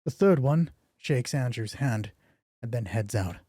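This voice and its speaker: A man's voice: mid-range voice, expressive, measured pace, mellow, no room sound, studio quality. A man improvising a solo tabletop role-play stream, narrating the scene and making wry asides about his own performance. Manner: self-mocking asides between character voices.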